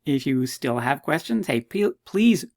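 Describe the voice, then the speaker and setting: A man's voice: on the high side, sing-song, measured pace, creaky. A man in his fifties from Canada, a university lecturer giving a recorded course introduction with playful, mock-modest humor.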